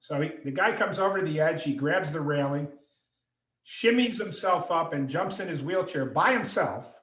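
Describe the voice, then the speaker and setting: A man's voice: a little high, moderate pace. A middle-aged man telling a story over a video call, acting out the voices of the people in it. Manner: animated storyteller, acts out quoted voices. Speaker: author and speaker. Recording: echoey room on a call.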